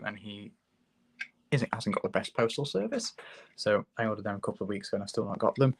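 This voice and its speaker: A hoarse man with a low voice and a sore throat hosts a casual livestream tutorial, demonstrating a model kit build at a hobby workbench filmed from overhead. He's relaxed and chatty, talking as he works with his hands, and the sound has no echo.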